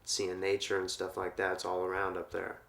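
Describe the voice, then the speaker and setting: A man from Portland with a very low, gravelly voice speaks calmly about his path. He sounds earnest and reflective. His talk has a spiritual bent. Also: normal speed. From Portland, Oregon. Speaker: yoga teacher and massage therapist. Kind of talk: reflective interview answers.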